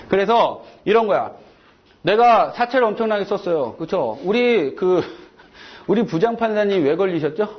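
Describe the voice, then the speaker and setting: A man's voice: high-pitched, breathy edge. A man giving a chatty classroom law lecture, digressing and checking in with his students. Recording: dull lo-fi lecture recording.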